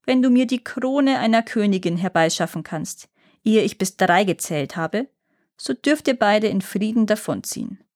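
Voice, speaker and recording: A woman's voice: mid-range voice, expressive, moderate pace, a little mellow, no echo, studio quality, lightly acted. A woman reading a fairy tale aloud and voicing a fearsome, scornful flying male troll who sneers and boasts. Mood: gloating.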